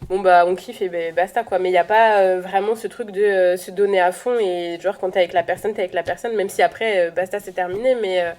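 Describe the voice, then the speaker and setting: A woman's voice: on the low side, steady tone, brisk, hardly any pauses, darkish tone. Co-host: a woman, laid-back, slangy, conversational. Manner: conversational, uses slang and fillers. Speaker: podcast co-host. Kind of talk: casual chat.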